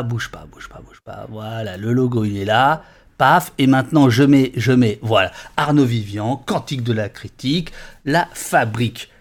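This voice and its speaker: A man hosting a casual live stream, stammering and repeating his words in quick bursts. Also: medium pitch. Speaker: livestream host.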